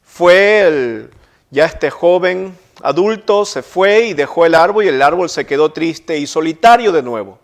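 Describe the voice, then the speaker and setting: Earnest soft-spoken pastor, fairly high voice. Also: male voice. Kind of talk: livestreamed sermon and storytelling.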